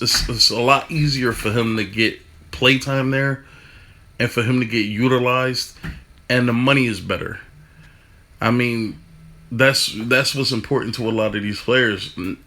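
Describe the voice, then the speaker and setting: A man talking fast in a casual football rant, stumbling over restarts and swearing casually. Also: medium pitch, sharp tone. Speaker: football fan commentator.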